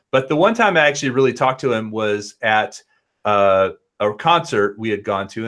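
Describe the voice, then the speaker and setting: Man, late forties, bright tone, animated rambling talker, video call guest. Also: on the low side. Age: 40s. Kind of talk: casual online chat. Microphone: headphones and laptop on a video call.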